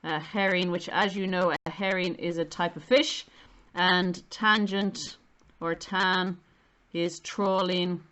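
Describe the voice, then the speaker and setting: A woman's voice: on the low side, fairly even intonation, slow pace, fairly bright tone. A middle-aged woman with an Irish accent, giving an informal maths lesson in an explanatory, self-deprecating way and stressing key terms. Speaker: maths teacher.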